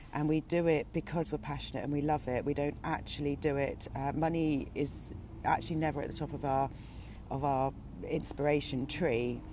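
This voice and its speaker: Out at lunch, a British equine photographer gives her group a chatty, encouraging impromptu talk, relaxed and sprinkled with filler ums. Her low-pitched voice sounds a little stuffy from a cold, and there's slight hiss or hum.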